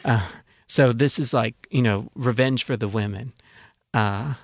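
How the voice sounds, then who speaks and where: A man's voice: medium pitch, measured pace, dry recording, studio quality. A man talking casually as an author being interviewed on public radio, explaining things with frequent conversational filler phrases. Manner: explanatory, peppers talk with "you know".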